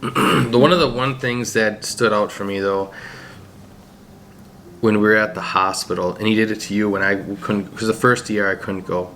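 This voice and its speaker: A man's voice: fairly low pitch, fairly even intonation, normal speed, fairly bright tone, slight background noise. A man explaining on a family vlog in a plain, casual storytelling way. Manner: plain explaining, with ums and asides. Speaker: vlogger, father.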